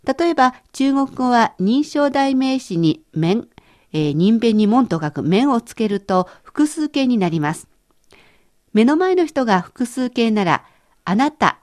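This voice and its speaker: A woman's voice: on the high side, very animated, unhurried, darkish tone. A woman co-hosting a scripted language lesson, explaining phrases in a conversational way. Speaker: language teacher co-host.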